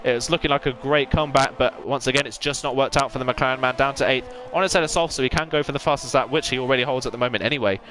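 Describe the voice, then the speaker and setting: A male esports commentator calls a sim race live. He speaks at a rapid clip, in a fluent and detailed play-by-play, with a middling pitch for a man. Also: a bit bright, a little hiss or hum.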